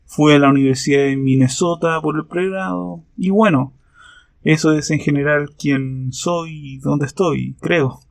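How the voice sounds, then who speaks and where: A man with a gravelly, somewhat high voice answers interview questions. He talks in a thoughtful, reflective way and pauses hesitantly. The sound is close and dry. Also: steady tone, no echo. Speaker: interview guest.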